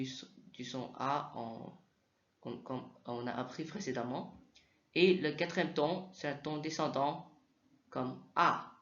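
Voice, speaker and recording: A man teaching Mandarin sounds in a slow spoken lesson, hesitating often and repeating each sound aloud for practice. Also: on the high side, slight background noise. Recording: echoey room, slightly dull sound.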